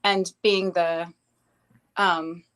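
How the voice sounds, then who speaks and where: A young woman, a guest in an interview, telling her life story in a hesitant, casual way with many pauses and restarts. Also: lowish voice, flat delivery, fairly bright tone, smooth. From grew up in Bangladesh, later Canada.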